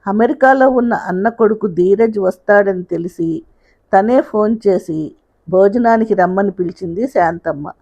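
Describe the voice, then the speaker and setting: A woman reads the narration of a novel in an even storytelling voice. Her pitch sits in the middle range. The recording sounds dull and lo-fi. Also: moderate pace. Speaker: audiobook narrator. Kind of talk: scripted narration.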